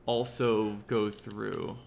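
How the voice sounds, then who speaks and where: A man's voice: fairly low pitch, level tone, drawn-out words, vocal fry, darkish tone. A man streaming a city-building game, talking to himself and his chat as he lays out roads in casual commentary. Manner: muttering to himself while planning, talking to chat. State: hiccups. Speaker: livestreamer.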